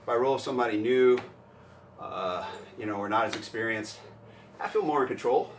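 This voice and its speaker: Man, jiu-jitsu instructor, casual animated chat, distant mic, echoey gym, faint background noise. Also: a little fast. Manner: animated, acts out panicked grappler in higher voice.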